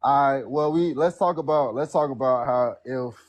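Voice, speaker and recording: A nineteen-year-old man calls in to a debate, speaking in casual slang at normal speed with a medium-pitched voice. He keeps repeating himself defensively.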